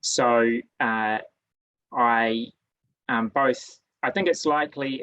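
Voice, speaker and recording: A man's voice: mid-range voice, a bit bright, poor audio. A man on a webinar panel, speaking hesitantly with many fillers over a video call. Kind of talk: webinar discussion.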